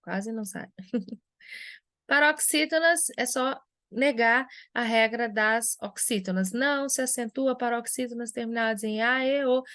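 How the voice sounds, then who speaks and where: A woman's voice: on the high side, a little slow, a bit bright, no echo, clean studio sound. A woman teaching a grammar lesson at a whiteboard in a patient, explanatory way, answering the questions she imagines her students asking. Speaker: Portuguese language teacher.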